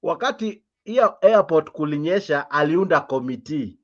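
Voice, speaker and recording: A man's voice: a little high, lively intonation, moderate pace, highs cut off. A Kenyan man hosting a political chat, asking questions and mixing English and Swahili. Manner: interviewer, frequent backchannels, mixing English and Swahili. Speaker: host. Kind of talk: live-stream political chat.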